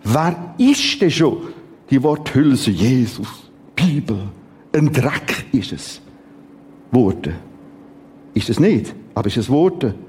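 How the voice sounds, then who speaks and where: A man with a Swiss German accent preaching a sermon at a church service, emphatic, with dramatic swings in pitch and repeated words for stress. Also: sing-song, takes it slowly, pauses often, darkish tone, a little hiss or hum.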